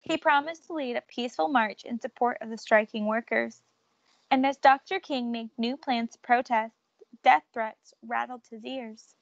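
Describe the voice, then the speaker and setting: A woman's voice: fairly high pitch, normal speed, creaky, no room sound, muffled recording. A woman reading a picture book aloud, telling the story expressively and raising or dropping her volume for drama. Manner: expressive, shifts loudness for drama. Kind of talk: read-aloud storybook narration.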